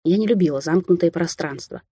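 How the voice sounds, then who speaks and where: A woman narrates a first-person tale in an even, measured way. Her voice is lowish, dark and mellow with a husky grain. The recording is close and dry. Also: dry recording. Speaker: audiobook narrator.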